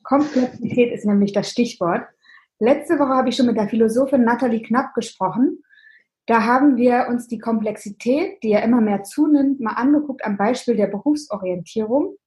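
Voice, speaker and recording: A woman's voice: fairly high pitch, moderate pace, warm tone, poor audio. A woman hosting a career podcast, introducing her guest and asking friendly questions. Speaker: podcast host. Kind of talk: podcast interview.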